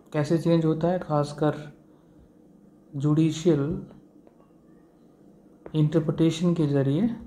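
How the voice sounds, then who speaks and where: This law lecturer's voice is a little high with a dark tone. He walks the class through the material step by step, blending in English legal terms along with fillers, and keeps throwing rhetorical questions at them.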